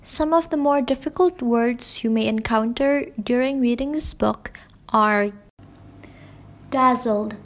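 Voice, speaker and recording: A woman's voice: a little high, takes it slowly. A woman hosting a children's podcast, carefully reading a storybook and explaining words aloud.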